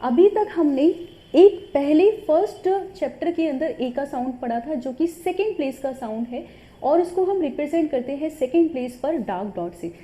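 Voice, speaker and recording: High, mellow-voiced woman teaching patiently. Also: lively intonation, normal speed. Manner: patient, repeats points with frequent "ठीक है" check-ins. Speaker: shorthand teacher. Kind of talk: step-by-step tutorial explanation.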